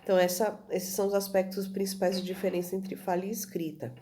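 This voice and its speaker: A woman's voice: mid-range voice, flat delivery, fast, warm tone. A woman teacher giving a recorded video lesson, explaining at an easy pace and often checking in with her students. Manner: many fillers and restarts, checks in with "tudo bem?".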